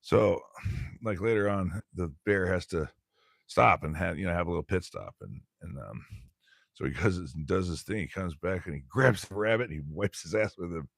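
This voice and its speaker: Deep-voiced man rambling through a reading. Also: animated, moderate pace, vocal fry, a bit bright, no room sound, clean studio sound. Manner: rambling, laughs often, swears, stumbles over words. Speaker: host reading a bird textbook. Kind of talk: reading aloud with casual commentary.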